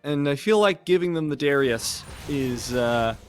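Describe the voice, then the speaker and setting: A man giving chatty, joking color commentary on a high school esports match. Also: lively intonation, a little slow, faint music behind. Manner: chatty, joking, laughs often.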